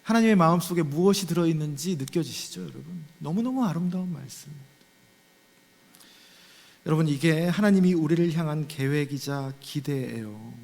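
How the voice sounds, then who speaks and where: A man with a fairly high voice preaches a Sunday sermon as the church's senior pastor. He talks in a conversational way and keeps turning to the congregation with questions. His voice carries a long church-hall reverb. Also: normal speed, vocal fry, darkish tone. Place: church sanctuary.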